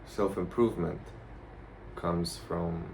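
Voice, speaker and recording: A man giving a casual, rambling vlog monologue in a blunt, profane, halting way. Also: low-pitched, fairly even intonation, darkish tone, low-quality recording. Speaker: vlogger. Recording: noticeable background noise.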